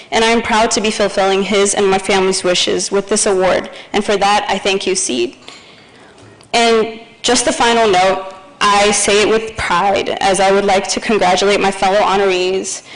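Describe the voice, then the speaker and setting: A young woman from Ethiopia and the United States, an award honoree earnestly reading a formal acceptance speech at a podium microphone in a banquet hall. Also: medium pitch.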